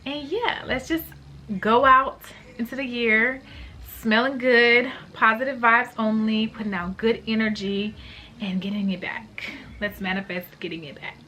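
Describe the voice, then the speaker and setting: A woman's voice: on the high side, a little slow, pushed and bright, a little hiss or hum. A woman in her late twenties chatting casually and gushing in slangy terms while reviewing perfumes for her vlog. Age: late 20s. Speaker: beauty vlogger.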